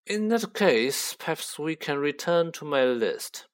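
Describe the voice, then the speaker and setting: A man reads a storybook, voicing a haughty, cold aristocratic wizard father whose speech is curt and full of condescending disdain. He pitches the character a little high, above his own natural voice, and delivers it in a very animated, unhurried way.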